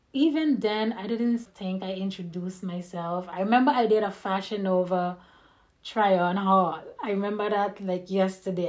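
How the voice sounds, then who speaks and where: A young Haitian woman raised in the Caribbean vlogs to camera in a casual, open, personal get-to-know-me chat. Her voice is medium-pitched with a darkish tone, and she laughs softly now and then, admitting she feels a little nervous.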